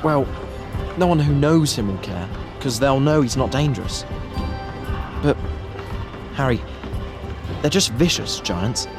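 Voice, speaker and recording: A man's voice: medium pitch, lively intonation, unhurried, long pauses, over music, lightly acted. A man voicing an awkward, hot-headed teenage schoolboy who blusters and splutters. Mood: blustering.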